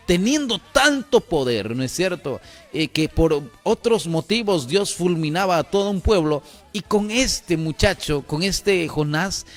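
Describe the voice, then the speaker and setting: A man preaching a sermon, chuckling often and asking "¿no es cierto?" again and again. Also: sits high. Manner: animated, chuckling, repeats "¿no es cierto?".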